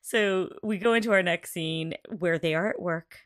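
A woman's voice: lowish voice, moderate pace, dry recording, clean studio sound. A woman co-hosting a podcast, recapping episodes in casual chat with giggles and teasing remarks. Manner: giggly, teasing, excited outbursts. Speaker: podcast co-host.

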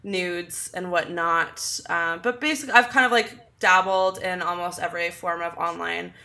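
A woman's voice: on the low side, steady tone, normal speed, pushed and bright. A young adult woman chatting as a podcast guest, giggly and full of "like" and "um". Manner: giggly, filler-heavy. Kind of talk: casual interview chat.

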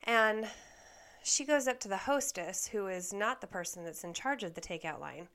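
A woman's voice: medium pitch, animated, moderate pace, fairly bright tone. A woman vlogger telling a personal story in a candid, self-deprecating way, laughing at herself. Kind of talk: storytime monologue.

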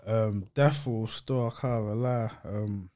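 A man's voice: fairly low pitch, a little slow, mellow. A man with a London roadman accent talks as a guest in a casual chat. His speech is thick with street slang and a little hesitant, with thoughts that often trail off. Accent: London roadman, urban slang. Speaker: podcast guest.

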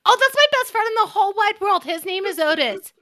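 A woman voicing an overeager, cheerful adventurer who gushes excitedly in a tabletop game. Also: fairly quick, no room sound, heavily acted. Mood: gushing. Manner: gushing, excitable, squeaky. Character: overeager cheerful adventurer who calls herself "Hey You".

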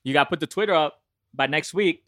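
A male podcast host with a slightly high voice, recorded dry and close. He chats casually in loose slang and keeps joking as he steers the talk. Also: fast, a bit bright, no echo. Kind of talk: casual chat.

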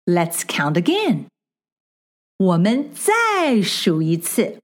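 A woman teaching young children Mandarin in an encouraging, playful kindergarten-teacher voice, repeating phrases slowly and enthusiastically to the viewer. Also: fairly low pitch, wildly swooping pitch. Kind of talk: children's language lesson, addressing the viewer.

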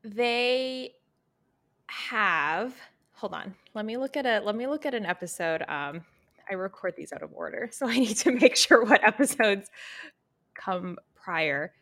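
A woman hosting a podcast, chatting casually and laughing often, sometimes mimicking characters in a high breathy voice. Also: animated, measured pace, fairly bright tone. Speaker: podcast host. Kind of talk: casual chat.

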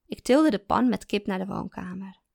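A woman narrating a first-person literary story in a calm, measured way. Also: medium pitch, creaky, no echo, clean studio sound.

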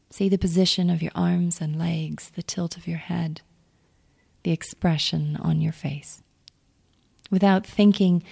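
A woman leading a calm guided grounding exercise, giving gentle, soothing instructions in a soft, near-whispered delivery. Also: on the low side, gravelly, husky. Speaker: meditation guide.

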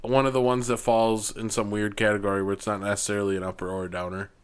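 A young man co-hosting a podcast, making quick teasing jokes in casual chat. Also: fairly low pitch, little pitch movement, smooth. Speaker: podcast co-host.

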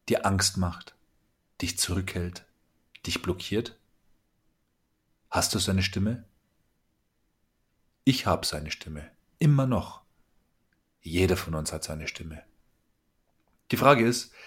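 A middle-aged man hosts a motivational podcast in a low, husky voice. He speaks straight to the listener with emphatic, coaching conviction. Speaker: podcast host.

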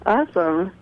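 A woman being interviewed as a guest over a narrow, tinny phone line. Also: medium pitch. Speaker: event organizer, phone guest. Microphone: phone call.

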